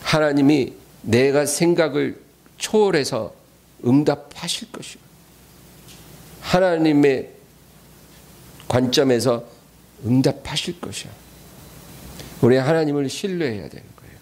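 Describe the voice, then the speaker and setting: A man's voice: on the high side, unhurried, pauses often, a little mellow. Emphatic male pastor preaching a sermon. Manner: emphatic, repeats key phrases, often addresses the congregation. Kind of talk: weekday sermon. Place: church.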